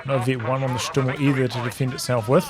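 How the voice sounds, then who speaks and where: A man giving relaxed, analytical play-by-play commentary on a strategy game replay, thinking aloud as the match unfolds. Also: medium pitch, quick pace, crowd noise. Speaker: game caster. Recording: game battle sounds over the voice. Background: game gunfire and artillery.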